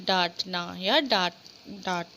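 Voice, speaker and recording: Slow, bright-voiced woman teacher explaining. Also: on the low side, slight background noise. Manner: reads English lines very slowly, then explains in casual Hindi; spells words out letter by letter. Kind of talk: slow textbook reading with Hindi explanation.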